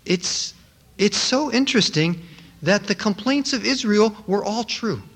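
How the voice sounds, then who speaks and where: Male preacher, high voice, emphatic and repetitive sermon delivery. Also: expressive, measured pace, a bit bright, slightly rough.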